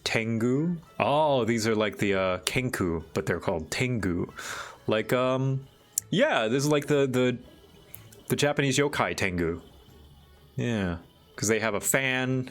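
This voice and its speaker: A man hosting a livestream, chatting casually and thinking aloud in a halting, musing way. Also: lowish voice. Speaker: livestream host.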